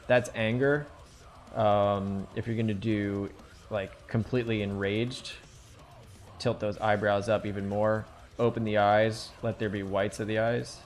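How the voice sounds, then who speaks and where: Low-voiced man musing through a sketch lesson. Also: fairly even intonation, unhurried, soft background music. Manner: rambling, thinks aloud with fillers. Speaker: streamer teaching drawing. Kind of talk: casual live-stream drawing lesson.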